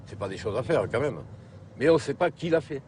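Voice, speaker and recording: A man's voice: medium pitch, expressive, a little fast. A man in his sixties, born in North Africa, speaking indignantly and a little hesitantly in a street interview. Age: 60s.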